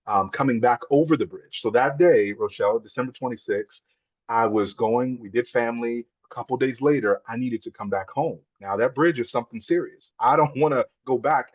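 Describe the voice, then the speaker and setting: A man's voice: medium pitch, fairly quick, dry recording, dull audio. A man, a podcast guest, telling a heartfelt personal story in an earnest, emotional way, repeating words when moved.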